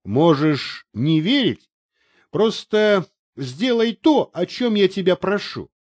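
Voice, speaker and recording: Brief: man playing a tired male writer, calm and unyielding, fairly high, lively voice, dry close mic. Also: slow, dry recording, full character voice. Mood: firm. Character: weary adult male writer, calm and stubborn. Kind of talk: audiobook character reading.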